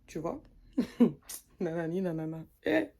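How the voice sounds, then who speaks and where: A woman's voice: lowish voice, takes it slowly, vocal fry. Indignant woman from French Guiana ranting. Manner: animated, indignant, mimics others' voices. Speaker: content creator. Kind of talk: casual storytime rant.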